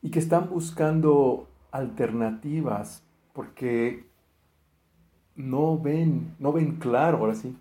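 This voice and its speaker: A man's voice: medium pitch, takes it slowly, warm tone. A man preaching a sermon, earnest, acting out quoted prayers and often restarting his words. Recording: echoey room.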